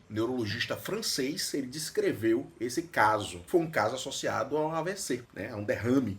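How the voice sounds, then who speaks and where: A Brazilian man explains a medical topic with a lively voice that rises and falls widely in pitch. He sounds like a neurologist giving an educational talk. He keeps asking questions and then answers them himself. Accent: Brazilian Portuguese. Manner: didactic, asks and answers his own questions.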